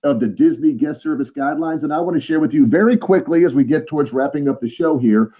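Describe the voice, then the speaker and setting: A man's voice: a little high, fast talker, mellow, slightly rough. A man co-hosting a podcast in casual, playful chat, often repeating phrases for emphasis. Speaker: podcast co-host.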